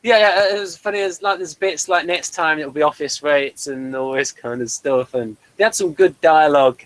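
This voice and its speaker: Reviewing a TV series in a relaxed chat, this host speaks at a normal pace in a slightly high voice. He goes off on long, rambling explanations laced with dry wit and chuckles between points, over a rough recording.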